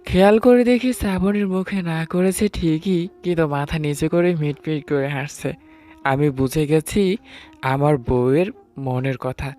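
A man with a warm, fairly high voice tells a romantic first-person story at a relaxed pace, casting himself as a fond, teasing husband. He narrates this dramatized love story with background music underneath.

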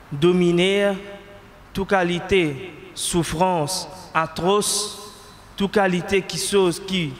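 In a mosque's indoor prayer hall, a man in his thirties serving as imam preaches the Friday sermon into a close stand mic, his Mauritian Creole accent clear. The voice is high-pitched, and the space gives it a big-room sound. He passionately raises rhetorical questions and breaks into Arabic recitation.

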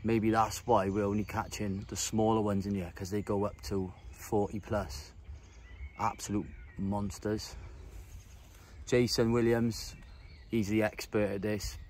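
Out on a wooded lake bank, clear nature sounds surround an angler in his thirties who chats informally in short bursts for his fishing guide vlog. He speaks at a measured pace in a lowish, level, slightly mellow voice.

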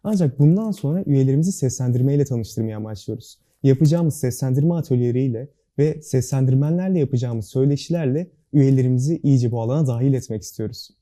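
A young man with a very dark, mellow voice, rattling off earnest interview answers at a brisk pace. His diction is careful and precise, and his manner stays formal and serious throughout. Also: mid-range voice. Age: young adult. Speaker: student club board member, guest.

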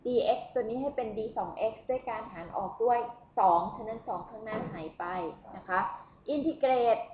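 A woman's voice: fairly high pitch, moderate pace. Woman lecturing in an echoey classroom. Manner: keeps asking the class questions. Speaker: university math lecturer. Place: lecture room. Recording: echoey room, tinny phone-like sound, faint noise.

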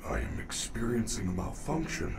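Man doing a gentle male care robot, formal and kind, lively pitch, noisy game capture. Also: moderate pace, close to an everyday voice. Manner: calm, formal, caring speech without contractions.

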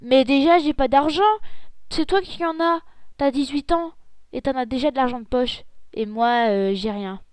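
A woman's voice: high-pitched, normal speed, darkish tone, clean tone, no echo, natural voice. A woman voicing a hurt, complaining eleven-year-old little sister in a Roblox role-play, talking with many fillers. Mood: plaintive. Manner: complaining, full of fillers and restarts.

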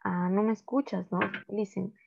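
A woman teaching an online English class to children, modelling phrases slowly and explaining in Spanish. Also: medium pitch, vocal fry, dark tone. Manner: patient, slow model reading, switches to Spanish to explain. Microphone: video call. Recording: dull lo-fi call audio.

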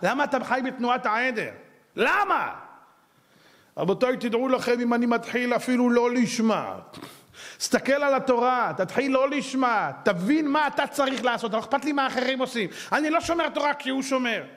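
A man, a rabbi, giving a lively sermon with anecdotes, acting out voices in quotes and firing rhetorical questions. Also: extremely high pitch. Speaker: rabbi giving a Torah lecture. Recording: long hall reverb.

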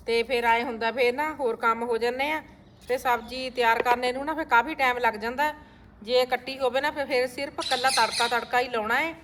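A chatty woman talks straight to her viewers about home life, her voice bright and fairly high. She narrates in a relaxed home vlog style. Faint household noise sits behind her. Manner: chatty, addresses viewers directly. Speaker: vlogger. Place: family home with courtyard.

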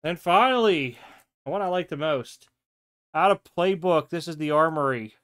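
A man's voice: fairly high pitch, moderate pace, clean tone. A man casually showing off trading cards from his mail at a home desk, chatty and thinking aloud. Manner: relaxed, chatty, thinks aloud and self-corrects. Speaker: sports card collector showing mail. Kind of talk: casual show-and-tell vlog. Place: home desk with card displays, indoors.

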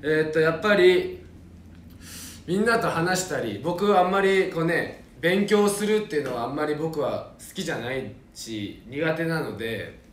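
Young man reading and answering fan comments in a relaxed, playful manner; roomy sound with a faint hiss underneath. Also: fairly high pitch, normal speed. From Japan. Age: young adult. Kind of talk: casual livestream chat.

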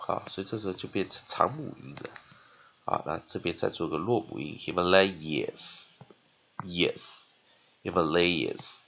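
The recording is muffled, and the man's voice is on the low side with a breathy edge. Teaching English spelling and phonics in Taiwanese-accented Mandarin, he drags out repeated syllables and keeps ending phrases with a "ha" tag.

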